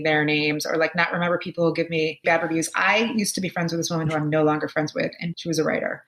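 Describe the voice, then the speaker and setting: Guest, woman near fifty: low, gravelly, chatty, rambling with fillers. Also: fairly bright tone. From United States. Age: around 50. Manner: chatty, thinks aloud with many fillers. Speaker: guest author. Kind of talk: casual conversation.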